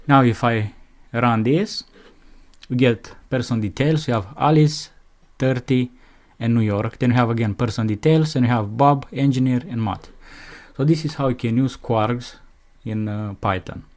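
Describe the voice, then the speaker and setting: A man's voice: mid-range voice, darkish tone. A man teaching programming in a screencast, reading out code step by step as he types it, with keyboard clicks behind him. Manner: dictates code as he types, slow and methodical. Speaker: programming instructor. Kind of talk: screencast coding tutorial.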